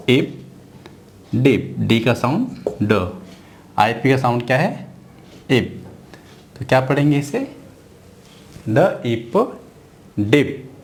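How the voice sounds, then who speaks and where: A man's voice: medium pitch, slight background noise. A man teaching an English phonics lesson at a board, drawing out and repeating each sound. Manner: slow, drawn-out, repeating sounds.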